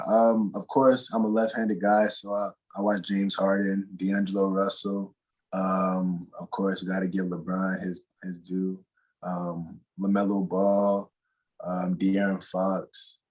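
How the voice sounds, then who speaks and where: Sitting low in his voice, a young adult college basketball player from North Carolina rambles through interview answers in a relaxed way, full of fillers and restarts. The audio quality is poor.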